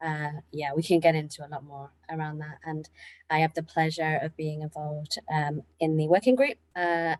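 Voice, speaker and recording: A woman speaks in a low register on a discussion panel. Her delivery is informal and playful, and the sound is dry and close to room-free. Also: normal speed, a little mellow, dry recording. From Mauritius. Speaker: panellist, anti-racism activist. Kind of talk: informal self-introduction on a panel.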